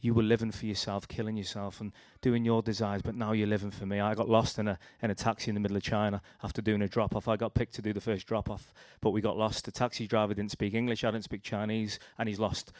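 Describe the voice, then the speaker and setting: A man's voice: fairly low pitch, little pitch movement, fast, few pauses, darkish tone, no room sound, studio quality. Liverpudlian man telling his testimony. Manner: rambling, storytelling with restarts and acted quotes. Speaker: speaker sharing a testimony. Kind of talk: personal testimony.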